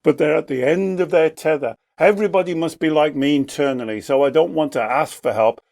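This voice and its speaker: A man working as a life coach and podcast host, teaching in a slow, emphatic way and repeating his key phrases for effect. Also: fairly high pitch, gravelly, a little mellow, no room sound. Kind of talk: reflective teaching talk.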